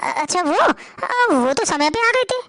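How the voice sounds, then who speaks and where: A woman's voice: very high voice, very animated, takes it slowly, a bit bright, no room sound, studio quality, exaggerated voice. A woman voicing a timid young daughter-in-law who stammers and hesitates. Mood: anxious.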